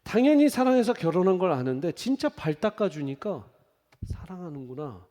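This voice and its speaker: A man's voice: sits high, moderate pace. A man in his thirties preaching a sermon as pastor, telling stories and acting out quoted voices. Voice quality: lively storytelling with quoted voices. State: on crutches after leg surgery. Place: church sanctuary. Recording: long hall reverb.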